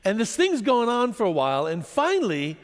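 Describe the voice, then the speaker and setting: A man's voice: high voice, brisk, long reverb tail. A man giving a public lecture to an audience, telling stories and asking rhetorical questions. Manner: animated storytelling, rhetorical questions.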